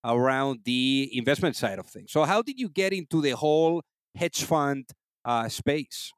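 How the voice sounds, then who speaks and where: A man with a medium-pitched, unhurried voice hosts a business interview podcast, recorded clean in a studio with no room sound. His questions are loose, relaxed and full of fillers, and he also reads a sponsor ad during the casual interview.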